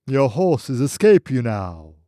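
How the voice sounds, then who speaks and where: A man voicing a wild, booming unseen male spirit that chases and commands, speaking in a thundering way. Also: sing-song, slow, dark tone, dry recording, studio quality. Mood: intoning.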